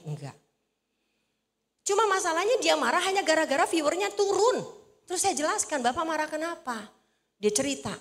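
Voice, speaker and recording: High-voiced woman preaching in a hall. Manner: chatty, teasing, coaxes the congregation to repeat after her. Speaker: evangelist preacher. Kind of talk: lively casual sermon. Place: church hall. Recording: echoey church hall.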